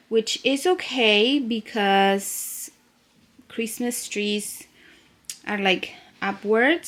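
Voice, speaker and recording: A young Chilean woman, a native Spanish speaker, chats casually at home in vlog style about her knitting and crochet designs, thinking aloud as she goes. Her voice is mid-range and a bit bright.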